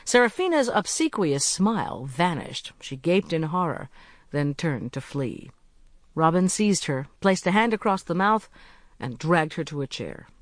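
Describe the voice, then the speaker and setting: Expressive audiobook narrator, dry and close. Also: medium pitch, dry recording. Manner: expressive, measured storytelling.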